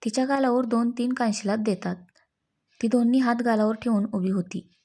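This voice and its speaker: A woman's voice: a little high, fairly even intonation, moderate pace, dark tone. A woman narrating a dramatic family story, reading each character's lines in her own voice. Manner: reads every character's dialogue herself without changing voice.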